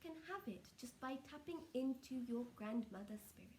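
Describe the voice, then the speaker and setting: A woman speaking as a trance channelling seance medium, solemn and measured, delivering spiritual messages in short halting phrases. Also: on the high side, lively intonation, a little mellow, a little hiss or hum.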